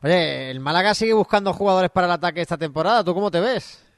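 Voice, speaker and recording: A man's voice: sits high, quick pace, no echo, clean studio sound. A man hosting a radio sports interview, asking questions in a friendly, conversational way.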